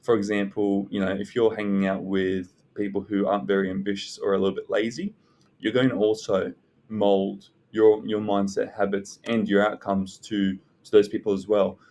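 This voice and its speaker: A man giving unscripted self-development advice as a content creator, speaking in a hesitant, halting way with pauses. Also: lowish voice, little pitch movement, darkish tone. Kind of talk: unscripted advice talk to viewers. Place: indoors in a library.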